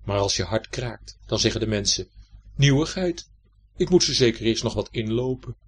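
Brief: man voicing a sensible, sighing talking shoe, calm and low, a little raspy. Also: moderate pace.

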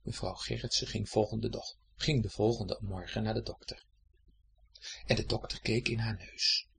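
A storyteller reading a children's story aloud in a lively, expressive way, speaking directly to the young listener. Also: medium pitch, moderate pace, creaky, slightly rough.

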